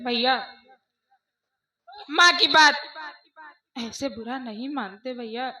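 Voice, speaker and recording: A woman playing a gentle young sister in a folk stage play, coaxing softly. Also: high voice, slow pace, full character voice. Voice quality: soft, coaxing. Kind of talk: live folk stage theatre. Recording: echoey stage.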